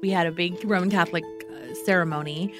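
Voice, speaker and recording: A woman's voice: on the low side, fairly even intonation, quick pace, music in the background. A woman telling her own story as an interview guest, reflective and earnest. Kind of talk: personal storytelling.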